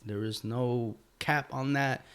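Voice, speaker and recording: A man's voice: medium pitch, fairly even intonation, slow pace, fairly bright tone, clean tone. Laid-back man hosting a podcast. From Mexican heritage. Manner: laid-back, filler-heavy, says "you know" a lot. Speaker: podcast host. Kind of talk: casual interview chat. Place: guest's home.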